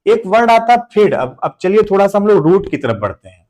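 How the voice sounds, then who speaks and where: A man's voice: high voice, very animated, brisk, darkish tone. A man with an Indian accent teaching English grammar in a live online class, joking through memory tricks and reading out viewers' names. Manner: jokey mnemonic explanations, reads out viewer names; motivational.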